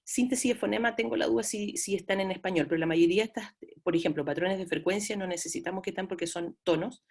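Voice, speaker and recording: A middle-aged woman with a Chilean accent, giving a relaxed online class lecture and chatting to her students between fillers. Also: medium pitch, fast talker, husky. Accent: Chilean Spanish. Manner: chatty, addresses students as "chiquillos", frequent fillers. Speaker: lecturer in audiology.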